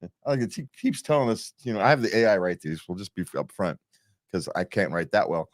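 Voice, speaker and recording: A man's voice: deep voice, very animated, a little fast, no room sound, clean studio sound. A man hosting a relationship podcast in a casual, rambling, self-deprecating way, chuckling as he talks. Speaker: podcast host.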